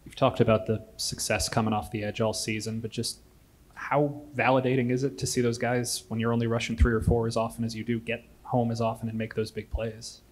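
A man's voice: medium pitch, little pitch movement, fairly quick. A male reporter asking a coach a question at a press conference.

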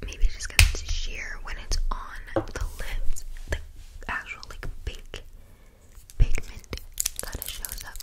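Whispering young woman, ASMR. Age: young adult. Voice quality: soft unvoiced whisper. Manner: repeats words and phrases slowly for tingles. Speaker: ASMR creator. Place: small bedroom, indoors. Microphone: large desktop condenser mic, very close.

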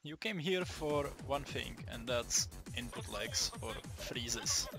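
Over music, a young Czech man who makes gaming videos delivers a loose, faltering tutorial in his Czech accent, cursing a lot and often starting sentences over. He speaks at a medium pitch, animated and with vocal fry.

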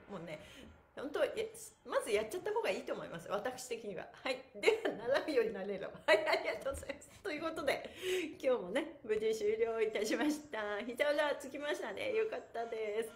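Bubbly and playful, a middle-aged woman with a high-pitched voice addresses viewers while hosting a chatty live exercise class. A pantomime teacher and livestream host, she is in a reverberant indoor room with bare walls and an exercise mat.

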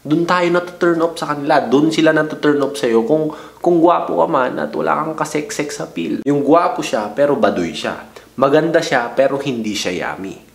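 A man's voice: on the high side, normal speed, vocal fry. A young man vlogging casually, giving playful, slangy advice and teasing his viewer. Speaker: vlogger giving dating tips. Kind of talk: casual joking talk to camera. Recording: echoey room.

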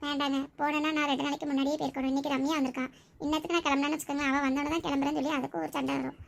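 A woman playing a sad, patient young wife, speaking softly and resignedly with a Tirunelveli Tamil accent. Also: sits high, level tone, racing, creaky. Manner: soft, resigned.

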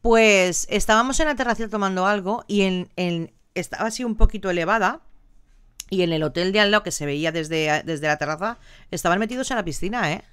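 A woman's voice: medium pitch, a little fast, fairly bright tone, clear, resonant tone, dry recording, clean studio sound. An older woman from Valencia in Spain, hosting a live stream in a chatty, affectionate way and greeting viewers by name. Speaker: live stream host reading viewer comments. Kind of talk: casual live chat.

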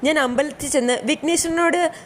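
Woman as a despairing serial mother, slow, heavy-hearted, high voice. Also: close to an everyday voice. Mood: weary. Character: troubled middle-aged mother, weary and despairing.

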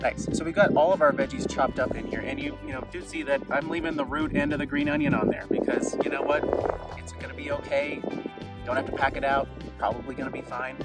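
A man's voice: medium pitch, very animated, fairly quick, gravelly, loud music behind the voice, rough recording. Upbeat man cooking outdoors. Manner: upbeat, chatty, easygoing. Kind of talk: casual cooking demonstration. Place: outdoors on a rock in open grassland.

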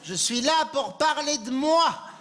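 Male comic as a shrill, touchy lady candidate; slow, high delivery, noisy live stage. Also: lively intonation, bright, forceful tone, exaggerated voice. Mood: indignant camp. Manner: shrill, indignant, camp. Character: flamboyant female presidential candidate, man in drag. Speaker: comedian in a political debate sketch. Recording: live theatre with audience laughter.

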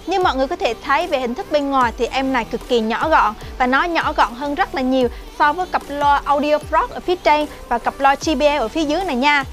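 A woman's voice: high-pitched, fast talker, few pauses, faint music behind. A woman presenting a product review for a shop in a friendly, chatty sales manner. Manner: chatty, friendly sales talk with frequent "nè" and "nha".

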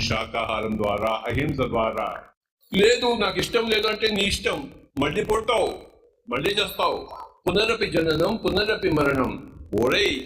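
A man's voice: high voice, a bit bright. A man preaching a sermon to a large gathering as a spiritual teacher, blunt and emphatic, repeating his points and asking rhetorical questions. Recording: echoey, roomy sound.

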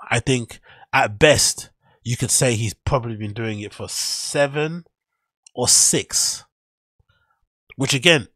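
A man's voice: mid-range voice, a bit bright, husky, no echo, clean studio sound. A man hosting a podcast, commenting casually and skeptically while reading through posts and an article on screen, rambling and correcting himself as he goes. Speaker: podcast host. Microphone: studio mic on boom.

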